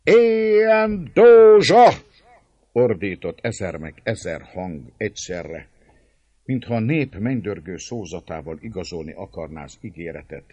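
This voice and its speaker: A man narrating an audiobook in an expressive storytelling manner. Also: low-pitched, breathy edge, no room sound, highs cut off. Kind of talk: audiobook narration of a historical novel.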